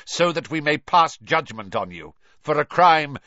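A man's voice: on the high side, very animated, a little slow, sharp tone, no room sound, pitched above the performer's own voice, heavily acted. A man doing a cold, commanding court official. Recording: dull dry lo-fi audiobook.

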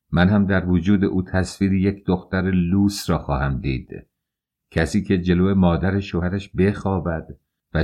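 A man narrating an audiobook in the first person, calm and measured. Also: low voice.

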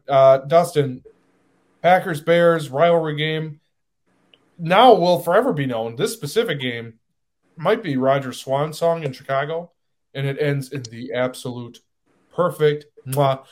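Male podcast host, higher-pitched, emphatic and animated in casual sports talk. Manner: animated, gets worked up and emphatic.

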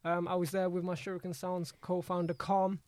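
High-voiced man with a London roadman accent. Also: completely flat delivery, brisk, a little mellow, dry recording. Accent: London, urban. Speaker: podcast guest, entrepreneur. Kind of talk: casual conversational storytelling.

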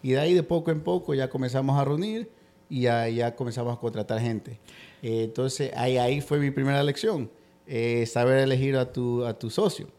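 Man, 30s, from Ecuador, podcast guest, relaxed storyteller, medium pitch. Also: normal speed. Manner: relaxed storytelling, frequent hesitations. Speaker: guest, construction business owner. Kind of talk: casual podcast interview.

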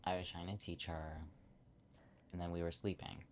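Young male podcast co-host, very low voice, relaxed and chiming in. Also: moderate pace. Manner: chimes in with short echoing remarks. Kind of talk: casual chat.

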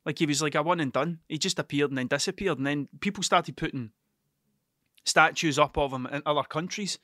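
Sweary Scotsman with broad accent, bright voice. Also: fairly high pitch, a little fast, no room sound, clean studio sound. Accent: broad Scottish, Ayrshire. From Scotland, Ayrshire. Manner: sweary, blunt, self-questioning. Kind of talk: casual rambling monologue.

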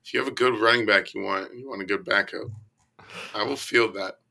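A man with a croaky, hoarse voice and creaky starts, chatting casually and bluntly as a fantasy sports podcast guest. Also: fairly low pitch, a little fast, pushed and bright. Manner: blunt, profane. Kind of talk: casual fantasy football chat.

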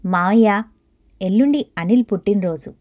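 A woman reading the lines of a kind, respectful young wife who speaks warmly and persuasively, in storybook narration. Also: mid-range voice, expressive, normal speed, natural voice. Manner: warm, persuasive.

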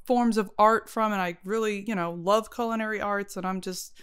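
A woman co-hosting a podcast, telling stories in a lively, casual way and cursing now and then. Her voice is smooth and resonant at a middle pitch. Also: normal speed. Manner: animated storytelling, profane. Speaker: podcast co-host. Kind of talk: casual chat.

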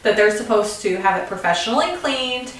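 A woman's voice: mid-range voice, expressive, a little fast, a bit bright, far from the mic. A woman in her thirties co-hosting a podcast, telling stories in casual chat and laughing easily. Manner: chatty storyteller, laughs easily. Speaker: podcast co-host. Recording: echoey room, off-mic.

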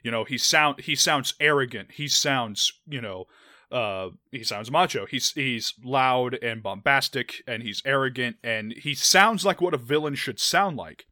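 A man's voice: medium pitch, measured pace, sharp tone, dry recording, clean studio sound. A young man co-hosting a podcast, talking casually and rambling with lots of restarts and "like" fillers. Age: young adult. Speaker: podcast co-host. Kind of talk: casual anime chat.

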